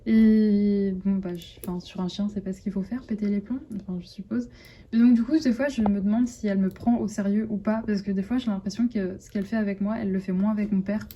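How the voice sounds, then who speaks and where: A woman's voice: medium pitch, fairly even intonation, fairly quick, dark tone, dull audio, a little hiss or hum. A young woman with a French accent chatting casually to her phone camera at home, rambling with lots of fillers and restarts. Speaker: vlogger. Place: at home indoors.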